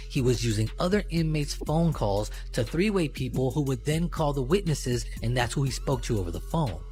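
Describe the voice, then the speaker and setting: Guy doing casual exposé style news commentary, mid pitch, bit of music behind. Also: darkish tone. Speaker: online reaction host.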